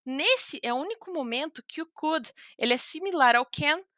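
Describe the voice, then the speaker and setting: Chatty high-voiced Brazilian teacher. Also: female voice, expressive, bright, forceful tone, dry recording, clean studio sound. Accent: Brazilian Portuguese. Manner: chatty, frequent tag questions, slows to model English phrases. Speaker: English teacher. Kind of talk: casual explanatory lesson.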